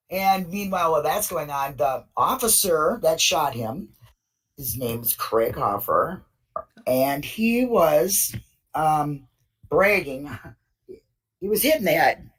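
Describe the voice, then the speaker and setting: A woman's voice: a bass voice, husky, far from the mic, low-quality recording. A woman in a casual open mic discussion, telling a story in an indignant way with many fillers. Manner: indignant, retells events with lots of fillers.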